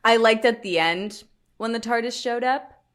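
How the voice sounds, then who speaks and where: A woman's voice: on the high side, normal speed, a bit bright. A woman co-hosting a podcast in casual chat, rambling and laughing often. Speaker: podcast co-host.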